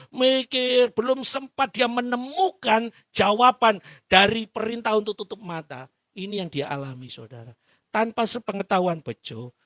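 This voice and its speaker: A man's voice: high voice, creaky, a bit bright, no echo, clean studio sound. A man with an East Javanese accent preaching a sermon in church, telling the story with animation and calling out to the congregation. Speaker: pastor.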